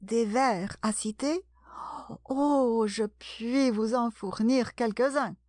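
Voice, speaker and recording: A woman's voice: on the high side, slow, a little mellow, no room sound, studio quality. A woman reading aloud and voicing an eager, polite young girl in a storybook. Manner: eager, apologetic.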